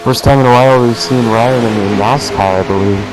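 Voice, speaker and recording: A man's voice: mid-range voice, a little fast, background noise. A man co-commentating a racing game in casual chat, making offhand remarks about the cars. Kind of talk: casual chat during a race broadcast.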